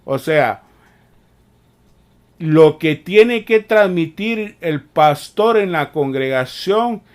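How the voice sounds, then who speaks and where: A man delivers a sermon at a deliberate, unhurried pace. His voice sits fairly high and climbs higher and harder when he rebukes. He leans on repeated amens and restarts. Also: expressive. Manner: slow, repetitive preaching with frequent "amén" and "mire"; rises in pitch and force when scolding. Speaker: preacher.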